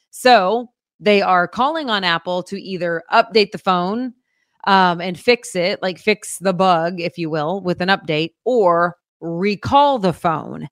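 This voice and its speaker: A woman co-hosting a casual local news show, chatting in an upbeat, animated way. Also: fairly low pitch, no room sound, clean studio sound.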